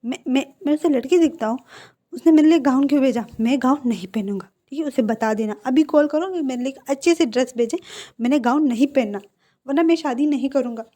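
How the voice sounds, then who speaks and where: A woman's voice: sits high, a little fast, mellow. A woman voicing an emotional, stubborn young male groom who stammers through indignant outbursts in a storybook reading.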